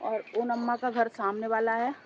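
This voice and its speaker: Hoarse woman rambling to her viewers. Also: a little high, flat delivery, moderate pace, dull audio, a little hiss or hum. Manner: rambling, talks straight to viewers as "guys". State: hoarse, sore throat. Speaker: vlogger. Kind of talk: casual chatty vlog. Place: outdoors high up on a two-storey house.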